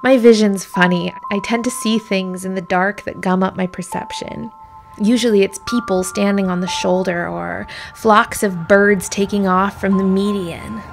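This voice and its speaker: Over background music, a woman narrates a scripted, reflective personal essay as a voice-over, wistful and musing. Her medium-pitched voice is steady and creaky at a normal speed, sometimes sinking toward a whisper.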